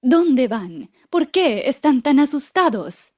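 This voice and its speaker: A woman's voice: sits high, sing-song, takes it slowly, darkish tone, pitched above the performer's own voice, full character voice. Polite genteel goose, a woman voicing it. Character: genteel poetry-reading goose.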